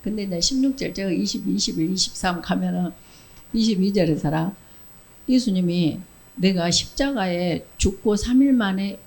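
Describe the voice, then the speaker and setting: A woman giving a Sunday school sermon to children in a church, lively, asking questions and answering them herself, acting out quoted lines. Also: mid-range voice, poor audio. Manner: acts out short quoted lines in character voices.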